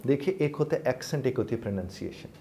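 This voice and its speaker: A man working as a life coach explains things patiently and politely, often addressing his listeners as sir. His voice sits mellow and warm at an ordinary middle pitch. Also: lively intonation, a little hiss or hum.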